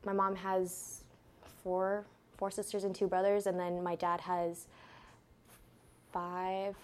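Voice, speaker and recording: A young woman from Guam answering interview questions in a relaxed, hedging way, with lots of "like". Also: lowish voice, slow pace.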